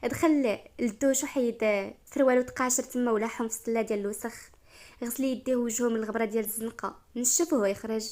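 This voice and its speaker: Moroccan woman telling a story, lively and expressive, kinda high voice. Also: quick pace. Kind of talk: story narration.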